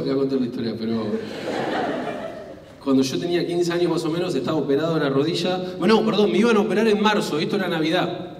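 An Argentine man working the crowd on a comedy stage, his voice pitched a touch high. He talks loosely and swears, acting scenes out with sounds. The sound is roomy and distant, with noise under it. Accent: Argentine Spanish. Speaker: stand-up comedian. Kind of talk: stand-up crowd work. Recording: echoey hall, taped from far off.

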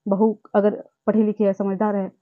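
A woman's voice: medium pitch, little pitch movement, normal speed, dry recording. A young woman vlogging about her own life, speaking in an impassioned, repetitive and indignant way. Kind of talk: emotional personal vlog monologue. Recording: tinny phone-like sound.

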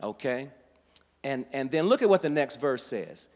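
A man preaching a sermon, teaching verse by verse and building to loud, emphatic passages. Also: mid-range voice, very animated, moderate pace, in a large hall. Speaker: guest preacher. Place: church sanctuary.

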